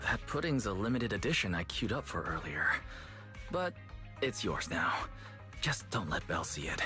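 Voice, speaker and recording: A calm, considerate young male proxy in a game cutscene. He speaks gently in a slightly low voice while a clear music score plays underneath. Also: moderate pace. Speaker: game protagonist.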